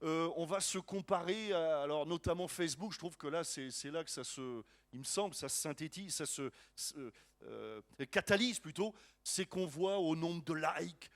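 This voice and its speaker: A man preaching a sermon as a pastor, lively and joking, with many restarts and asides to the congregation. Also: on the high side, normal speed.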